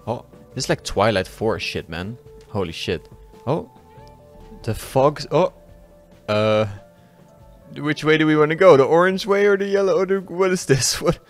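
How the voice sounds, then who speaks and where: Young guy doing let's-play commentary, swears a lot, talks to viewers, voice jumps all over the place. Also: medium pitch. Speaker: gaming YouTuber.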